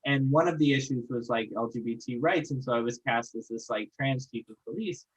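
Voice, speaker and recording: Podcast guest, casual and animated, mid-range voice. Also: mid-range voice, slightly rough, dull audio. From Northeast Texas. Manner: animated, chatty, quick to laugh. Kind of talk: casual chat.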